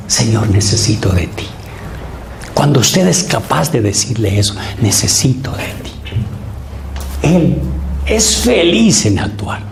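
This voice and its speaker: A man's voice: medium pitch, vocal fry, a little hiss or hum. A man preaching as a priest at a Lenten retreat, asking his listeners rhetorical questions and acting out the voices he quotes. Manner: animated, acts out quoted voices, asks the audience rhetorical questions.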